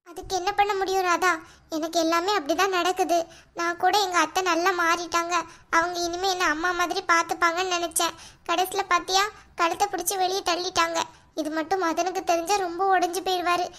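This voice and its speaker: A wronged young daughter-in-law in a cartoon, with a Kanyakumari Tamil accent. Her very high voice is sorrowful and resigned. A woman acts her out. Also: pushed and bright.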